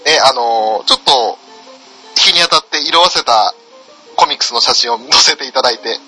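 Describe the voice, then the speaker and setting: A man's voice: medium pitch, normal speed, sharp tone, husky, soft background music, rough recording. A man hosting a podcast, reading listener mail in casual chat with a teasing, laughing manner.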